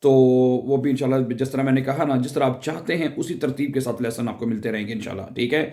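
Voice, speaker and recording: A man teaching a beginners' language lesson, patiently repeating words slowly and asking the listener questions. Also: medium pitch, a little mellow. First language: Urdu. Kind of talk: casual spoken lesson.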